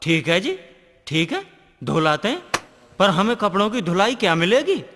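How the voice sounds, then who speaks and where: Lively high-voiced fool played by a man, naive and boastful, in a reverberant room with faint noise. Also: moderate pace, full character voice. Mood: joking. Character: bumbling jobless young man, boastful dreamer. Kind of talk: comedy sketch acting.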